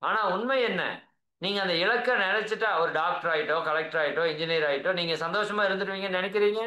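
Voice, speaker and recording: A high, bright-voiced man with a Tamil accent leads a spiritual talk over a video call. He speaks earnestly and coaxingly, checking in with his listeners again and again. His voice rings in an echoey room. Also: fast talker. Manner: earnest, coaxing, keeps asking "right?". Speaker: spiritual teacher.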